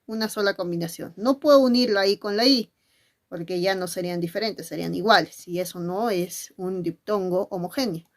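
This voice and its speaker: A woman's voice: mid-range voice, moderate pace. A woman teacher giving a spelling lesson. She asks questions and then answers them herself, and she speaks fondly to her pupils.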